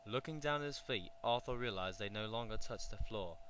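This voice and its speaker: A man narrating a children's storybook in a clear, even storytelling way, with a faint hum. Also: fairly low pitch, fairly quick, rough recording.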